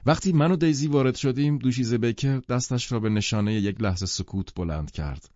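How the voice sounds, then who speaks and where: A man reading a novel aloud as audiobook narration in a measured, even storytelling manner. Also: mid-range voice, no echo, muffled recording.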